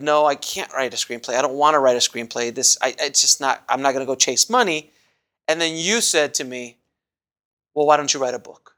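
A man's voice: on the high side, bright, forceful tone, no room sound. A man speaks as a podcast host in a casual, conversational style. He is effusive and leans on his words for emphasis. The sound is dry, with no room around him.

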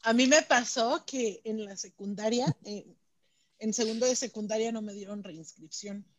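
A woman's voice: a little high, normal speed, slight background noise. Chatty Mexican woman, slangy storyteller. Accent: Mexican Spanish. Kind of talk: casual chat.

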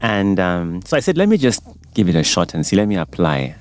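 Deep-voiced man explaining calmly. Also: brisk, no echo. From Uganda. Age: 40s. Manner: relaxed, explanatory, with fillers like um. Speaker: doctor and guest. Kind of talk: radio interview. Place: radio studio.

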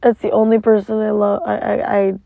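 A woman's voice: mid-range voice, monotone, fairly quick, vocal fry, no echo. Tinny, phone-like recording of a rambling woman. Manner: rambling, emotional, frequent swearing. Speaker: vlogger. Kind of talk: casual confessional monologue. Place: inside a parked car in the rain.

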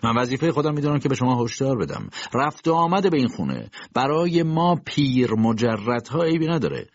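A man's voice: medium pitch, sing-song, no echo, dull audio, pitched above the performer's own voice. A man doing a sardonic old bachelor doctor. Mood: mocking. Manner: mocking, lecturing. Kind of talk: audiobook reading.

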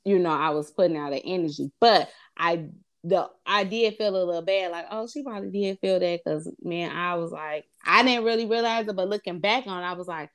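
A woman's voice: fairly low pitch, fairly quick. A woman in casual conversation, talking reflectively and acting out her own past words. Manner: reflective, animated when quoting herself, laughs often.

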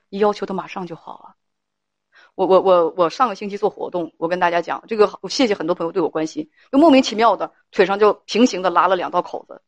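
Woman, advice show host, scolding, rhetorical questions, mid pitch, dry close sound. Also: no echo. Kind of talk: call-in advice talk.

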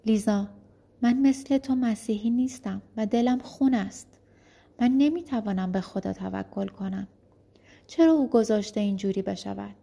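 A woman's voice: mid-range voice, gravelly, mellow. A woman voicing a bitter, defiant young enslaved man who protests angrily.

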